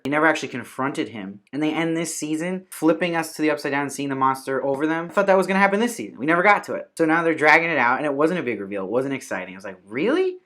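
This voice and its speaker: A man giving a casual spoken TV review, opinionated and conversational, dropping fillers like "kinda" and "like" and mimicking imagined viewers in quick asides. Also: medium pitch, sharp tone. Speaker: TV review host.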